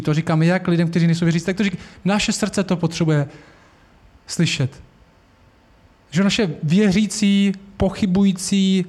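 Man, sermon, high voice, earnest, conversational, rhetorical questions. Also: darkish tone. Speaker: preacher.

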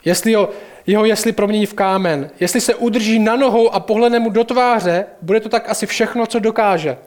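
A man's voice: high-pitched, pitched above the performer's own voice, close to an everyday voice. A man reading aloud as an earnest, proud talking male beaver from a storybook.

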